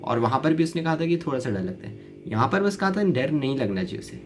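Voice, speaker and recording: A man's voice: mid-range voice, sing-song, music in the background. A man teaching an English novel, reading lines aloud and explaining them word by word in mixed Hindi and English. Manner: reads each English line slowly, then explains it in mixed Hindi and English. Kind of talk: explaining a novel passage line by line.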